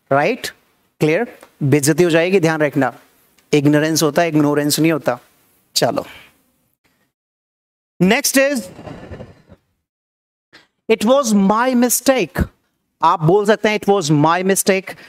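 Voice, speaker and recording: High-voiced Indian man teaching English. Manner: explains in Hindi, says English phrases slowly and repeats them; coaxing, asks viewers to read along. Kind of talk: live online class.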